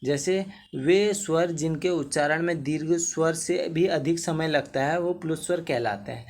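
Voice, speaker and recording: A man's voice: a little high, moderate pace, darkish tone, slight background noise. A male Hindi teacher giving an exam-prep grammar lesson, keeps asking "theek hai na" and stretching vowels out to show how long they last. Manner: addresses students as bhaiya, repeats "theek hai na"; drawls vowels to demonstrate length.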